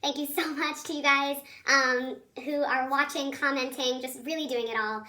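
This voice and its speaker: A woman with a squeaky, helium-like chipmunk voice teaching children in a chatty, encouraging, informal video lesson. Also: steady tone, normal speed, bright, forceful tone. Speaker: elementary school teacher.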